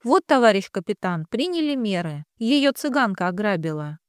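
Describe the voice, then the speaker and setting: A woman's voice: mid-range voice, sing-song, moderate pace, clear, resonant tone, no echo, studio quality, natural voice. A woman voicing a male police sergeant who gives polite but curt orders. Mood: brisk. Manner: curt orders, barks when angry.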